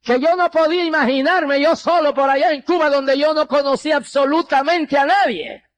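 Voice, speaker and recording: Older male preacher; high, slow, impassioned testimony delivery, dry close sound. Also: steady tone, dry recording. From Puerto Rico. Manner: impassioned, slow and drawn out, dropping low on quoted replies. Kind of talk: testimony sermon.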